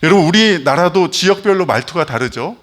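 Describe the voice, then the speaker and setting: A pastor from Jeolla preaching a sermon to young people, telling the story with animation and acting out the quotes. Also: male voice, fairly high pitch, lively intonation, brisk, fairly bright tone. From Jeolla, Korea.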